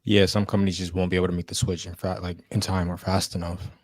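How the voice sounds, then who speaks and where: Deep-voiced easygoing young man. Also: little pitch movement, fast, no room sound, clean studio sound. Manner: short, easygoing replies. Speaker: podcast co-host. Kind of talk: casual car chat.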